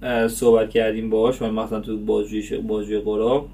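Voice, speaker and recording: A man's voice: fairly low pitch, flat delivery, mellow, distant mic. A man hosting a casual review vlog about a TV series, chatty and full of fillers.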